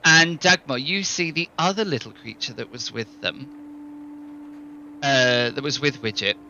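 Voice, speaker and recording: A man's voice: medium pitch, a little slow, pushed and bright, highs cut off, a little hiss or hum. A man casually narrating and refereeing a tabletop game, often thinking aloud. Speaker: game master.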